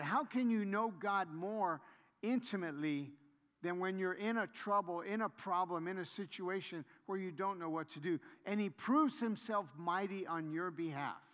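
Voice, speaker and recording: A man preaching in a slightly high voice, emphatic and repeating his key points for his listeners. He builds to exhortation at moments. His words ring out with the long reverb of a large church hall. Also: a bit bright. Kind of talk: sermon.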